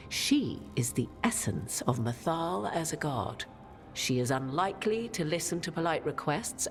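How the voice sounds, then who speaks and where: Recorded in a studio with music clearly audible beneath, this is dramatic fantasy game dialogue from an old witch who is commanding and enigmatic. In a full character voice, low for a woman, she swoops expressively through archaic lines with deliberate, theatrical formality.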